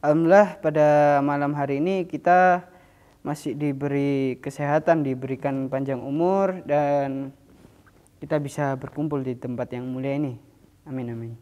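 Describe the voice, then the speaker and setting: A man's voice: on the high side, steady tone, normal speed, darkish tone, dull audio. A man hosting a spiritual mystery channel in casual chat, loose and talkative with many fillers and frequent laughs.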